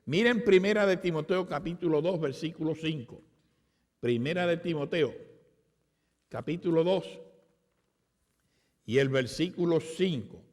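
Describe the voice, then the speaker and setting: Puerto rican preacher guy, high voice, repeats every point hard, long hall echo. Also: measured pace, long pauses. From Puerto Rico. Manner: emphatic, repetitive declarations. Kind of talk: sermon. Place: conference hall.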